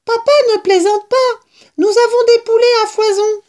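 Eager little fox cubs from a storybook. Their voices jump very high and come out loud and squeaky. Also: female voice, fairly even intonation, normal speed.

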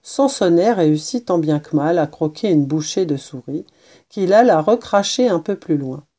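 A woman narrating a children's novel as an audiobook, in a gentle, measured storytelling voice. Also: fairly low pitch, expressive.

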